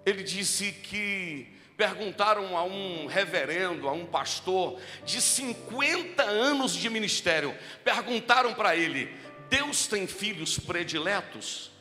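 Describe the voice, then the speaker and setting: A man preaching a sermon at a church event in Brazil, with a deep, strong voice, telling stories and repeating key lines as he builds to fervent exhortation. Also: expressive, slow, bright, forceful tone. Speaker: pastor. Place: large church hall. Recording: live church recording with long reverb and music.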